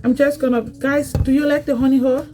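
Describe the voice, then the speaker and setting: A woman's voice: high voice, steady tone, brisk, warm tone, slight background noise, rough recording. A woman from Liberia, casually demonstrating cooking in a home kitchen and chatting directly to her viewers, often repeating herself. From Liberia, West Africa. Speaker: cooking vlogger.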